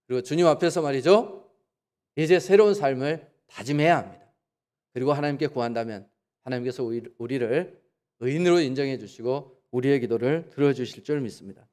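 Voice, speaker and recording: A man preaching a Sunday sermon in a church, asking the congregation rhetorical questions and acting out quoted voices with sudden jumps in pitch. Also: brisk, a little mellow. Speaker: pastor. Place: church sanctuary.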